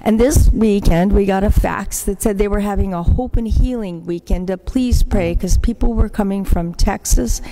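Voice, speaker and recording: Her voice sits at a medium pitch and moves at a moderate pace with hardly any pauses, over a faint hiss or hum. She is an older religious sister making a storytelling appeal during Mass, sharing warm stories of her community's work and performing the voices of those she quotes. The large church gives the sound an echoey quality.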